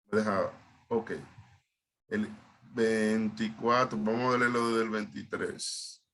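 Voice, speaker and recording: Bright-voiced pastor teaching a Bible study. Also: male voice, on the low side, flat delivery, slight background noise. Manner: halting, repeats words, explains Hebrew terms.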